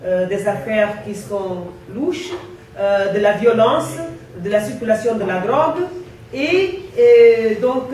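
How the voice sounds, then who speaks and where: A woman from Guinea-Bissau with a foreign accent in her French, giving a conference talk in a deliberate, emphatic way with repeated phrases. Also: a little high. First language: not French. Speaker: conference presenter. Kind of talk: impassioned public talk in French as a second language. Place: indoor conference room. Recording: very echoey hall, distant mic, faint noise.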